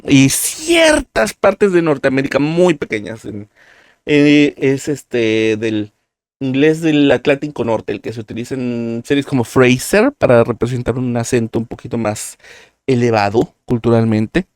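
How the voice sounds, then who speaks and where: A man teaches a live-streamed language lesson in a middle-pitched voice, walking through examples patiently and step by step. The sound is dry and close, with no room echo. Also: expressive, a little slow.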